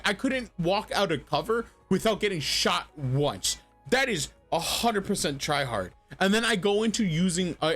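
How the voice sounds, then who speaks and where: Male streamer, lively swoops, slightly high register, foul-mouthed blunt rants, loose off-the-cuff delivery. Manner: profane, blunt, ranting; rambling, stammering repetition. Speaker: streamer reacting to a video. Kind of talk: casual livestream commentary.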